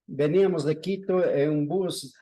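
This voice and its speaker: A man preaching a sermon to a small congregation, telling stories slowly and deliberately. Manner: slow, deliberate storytelling with lively pitch swings.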